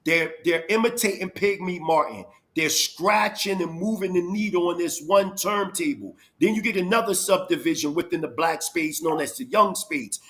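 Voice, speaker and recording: A man in his forties from Philadelphia with a high, ringing voice. He debates hotly, lecturing and stacking example after example with insistence. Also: moderate pace, hardly any pauses, a bit bright. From Philadelphia, USA. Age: 40s. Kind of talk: heated debate.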